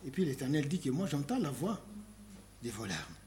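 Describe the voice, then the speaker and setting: A man preaching a sermon, posing rhetorical questions with dramatic pauses and reading scripture aloud in a slowed, solemn cadence. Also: medium pitch, very animated, warm tone.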